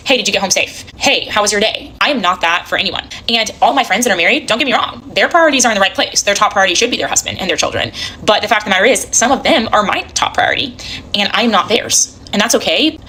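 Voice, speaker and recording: Fast-talking bright woman in late twenties. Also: medium pitch, slight background noise, rough recording. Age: late 20s. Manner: earnest, reflective, speaks candidly. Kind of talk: confessional vlog.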